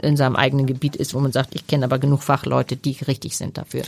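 A woman sex therapist co-hosting a podcast, explaining her approach in relaxed, searching sentences with fillers. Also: a bass voice, quick pace, creaky. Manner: explanatory, thinks aloud with fillers. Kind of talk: casual podcast chat.

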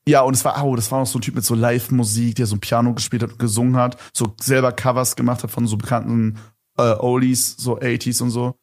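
A man's voice: mid-range voice, level tone, fast talker, darkish tone. A young man and podcast host telling a story in a rambling, casual way, full of fillers and slang.

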